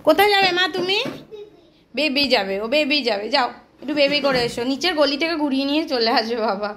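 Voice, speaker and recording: A young woman with a Kolkata Bengali accent, her voice sitting high. She chats casually at home and coaxes her little one, sounding tired and run down with fever. A faint hiss sits under the home recording. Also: brisk, a bit bright. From Kolkata, India. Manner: coaxing and chatty, often talking to her toddler. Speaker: vlogger and mother. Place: family home.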